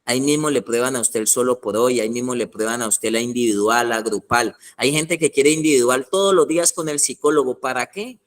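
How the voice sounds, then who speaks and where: A man preaching a teaching sermon, animated, acting out little scenes and asking his listeners questions. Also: mid-range voice, brisk, hardly any pauses. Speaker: pastor.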